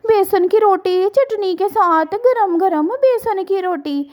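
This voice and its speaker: A woman voicing a sly young bird in a cartoon tale. She chirps high and fast, eager and a little cunning. Her tone stays soft and warm, never sharp. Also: lively intonation. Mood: hawking.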